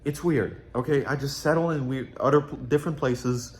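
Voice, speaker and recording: A young adult vlogger from Poland, with a slight Polish accent, delivers a casual video journal monologue. His voice is mid-range at normal speed, recorded in an echoey room with faint ambience.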